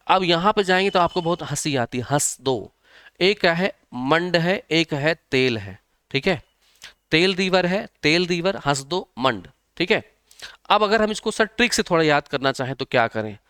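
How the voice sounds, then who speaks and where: A man's voice: on the high side, a bit bright, smooth, no echo. A man teaching geography in a live online exam-prep class, often repeating himself, checking with students and giving memory tricks.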